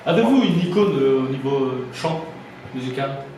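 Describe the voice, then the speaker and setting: A man's voice: medium pitch, expressive, moderate pace, dark tone. Casting: man as formal mock-documentary interviewer, courteous questions, recorded off-mic in a very reverberant room. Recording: very echoey, distant mic, faint noise.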